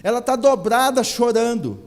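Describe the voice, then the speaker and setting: A man with a Brazilian Portuguese accent preaches a sermon in a notably high voice, driving his points home with repetition and rhetorical questions. His words ring out with a long reverb, as in a large church hall. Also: expressive, normal speed. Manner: emphatic preaching, rhetorical questions, repeats phrases. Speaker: pastor.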